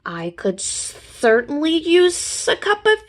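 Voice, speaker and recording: Friendly storybook gopher workman, played by a woman, whistling and repeating himself, pitched way up. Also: sing-song, takes it slowly, fairly bright tone, exaggerated voice. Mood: chipper. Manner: whistling speech, repeating and correcting words. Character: busy, friendly male gopher handyman.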